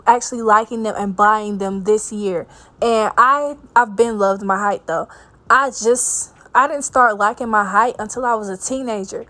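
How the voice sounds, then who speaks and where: A woman's voice: medium pitch, fairly bright tone. A young woman, telling a brash, profane, boastful graduation story as a vlog voice-over. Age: young adult. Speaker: vlogger.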